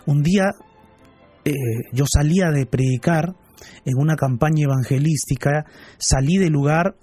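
A man speaking as a pastor, gently and earnestly telling a story and addressing listeners. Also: fairly high pitch, normal speed, husky, soft background music. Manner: earnest, gentle, retells dialogue. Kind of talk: radio-style pastoral talk.

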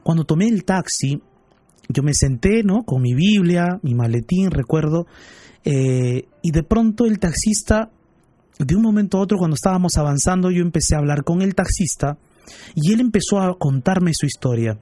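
A man speaking as a pastor, gently and earnestly telling a story and addressing listeners. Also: high voice, expressive, moderate pace, dry recording. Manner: earnest, gentle, retells dialogue. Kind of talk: radio-style pastoral talk.

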